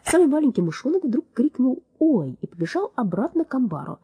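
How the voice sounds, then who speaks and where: A woman reading a children's storybook aloud in an expressive, lively way. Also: high-pitched, fast talker, slightly rough, dry recording. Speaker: narrator.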